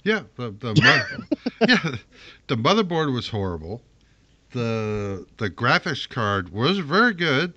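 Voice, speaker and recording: Podcast co-host, male, unhurried and rambling, bright tone. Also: medium pitch, big pitch swings, lo-fi sound. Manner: rambling, halting, frequent restarts. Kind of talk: casual chat.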